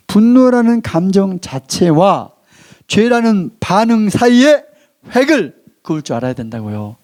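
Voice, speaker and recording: A male pastor preaching a sermon in a church, who leads the congregation in reading aloud and slows down to stress key phrases before dropping his voice. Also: a little high, dark tone.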